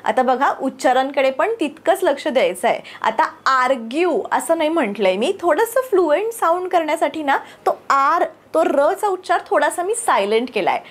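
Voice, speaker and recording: A woman with a Marathi accent teaching spoken English. She says each English phrase slowly and twice for learners to repeat, and in between she gives quick, encouraging explanations. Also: sits high, sing-song. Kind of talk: bilingual spoken-English drill lesson.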